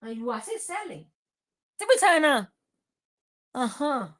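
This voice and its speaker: Speaking slowly in a high, fairly bright voice with big pitch swings, a Nigerian-accented talk show host gives impassioned, informal political talk. She presses her opinions emphatically, repeats phrases and slips into Pidgin.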